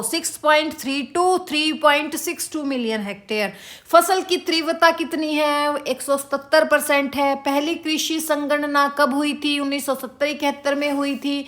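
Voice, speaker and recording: A woman teacher giving an exam-prep lesson, repeating each question slowly and drilling the answers for her students. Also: high voice, steady tone, fairly bright tone. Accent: Haryanvi-tinged Hindi. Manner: addresses students as beta.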